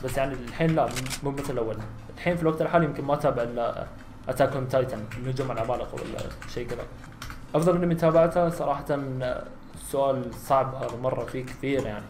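A nineteen-year-old man from Saudi Arabia with a Saudi Arabic accent, chatting casually through gameplay and answering viewer questions, with sudden loud exclamations. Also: mid-range voice, rapid-fire, echoey room, noisy background. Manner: chatty, bursts into loud exclamations during fights. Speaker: gaming YouTuber. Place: small room at home, seen on facecam.

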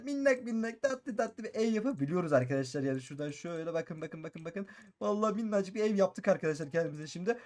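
A man playing a Minecraft role-play and commenting excitedly, repeating his phrases and constantly addressing viewers. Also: high voice, fast talker. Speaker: gaming YouTuber.

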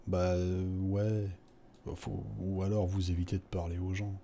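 A man's voice: deep voice, level tone, unhurried, mellow, slight background noise. A man playing a weary, crude man who lives on the street, talking bluntly and rambling in casual role-play.

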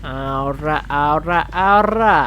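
A man commentating a game playthrough, excitable and jokey, explaining English words. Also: slow pace, muffled recording, a little hiss or hum. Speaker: game streamer. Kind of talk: let's-play commentary.

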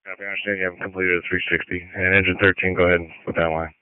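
A man commanding a fire scene in urgent firefighter radio traffic, briskly repeating messages back. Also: low voice, level tone, smooth, no room sound. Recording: tinny narrowband two-way radio.

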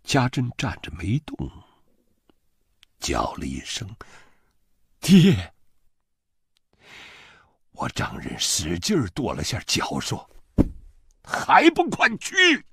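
A man reading a novel aloud as a first-person narrator, slow and expressive. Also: sits low, gravelly, slightly rough, no room sound, studio quality. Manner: slow, expressive, wide-ranging storytelling. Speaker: audiobook reader.

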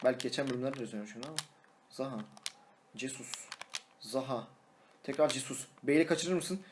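A young man, a gaming YouTuber, giving excitable live commentary on his own match, shouting and singing at goals and teasing his opponent. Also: mid-range voice, brisk, a little hiss or hum.

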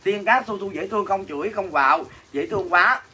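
On a casual livestream sale, the host, a man with a Southern Vietnamese accent, talks fairly quickly in a high-sitting voice that is husky, pushed, and bright. He reads viewer comments out loud and fires back with dramatic, teasing, mock-complaining banter.

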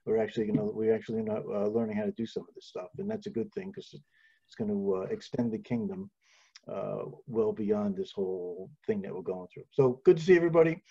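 Guy in his sixties on a video call, mellow voice, kinda muffled audio, rambles and repeats himself. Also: lowish voice, fairly quick, slightly rough. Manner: warm, rambling, repeats words. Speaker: ministry leader. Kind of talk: casual encouraging remarks. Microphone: video call with earbuds.

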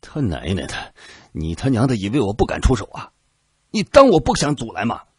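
A gruff, explosive army general from a storybook tale, roaring and cursing in a raised, husky voice that swings wildly up and down, as a male narrator puts him on. The voice is dry and close. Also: mid-range voice, huge pitch swings, fairly quick, darkish tone, dry recording, voice pushed up, heavily acted. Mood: furious.

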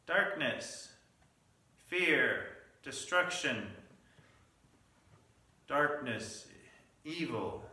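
A man's voice: mid-range voice, expressive, extremely slow, pauses often, pushed and bright. A male pastor preaching a midweek Lenten sermon, telling stories with asides and small restarts. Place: church sanctuary. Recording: echoey church sanctuary, mic at a distance.

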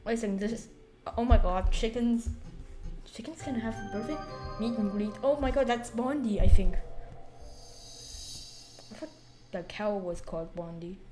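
A woman's voice: on the high side, normal speed, pauses often, music in the background. A young woman giving let's play commentary, jumpy and muttering, shrieking at scares. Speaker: gamer.

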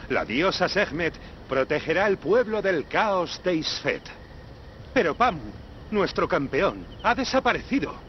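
An anxious temple official. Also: male voice, high-pitched. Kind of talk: dubbed video game dialogue. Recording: dull game audio, faint noise.

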